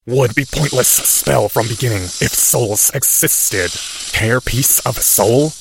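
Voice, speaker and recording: A man voicing a dying professor who has turned into a snake, speaking slowly in clipped, broken sentences. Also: mid-range voice, gravelly. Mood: cold, scornful. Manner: slow, hissing, broken clipped grammar.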